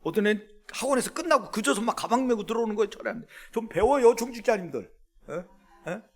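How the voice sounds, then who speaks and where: A male pastor preaching a sermon to his congregation in a church, swinging between hushed lines and loud ones and asking the people questions. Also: sits high, vocal fry. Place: church sanctuary.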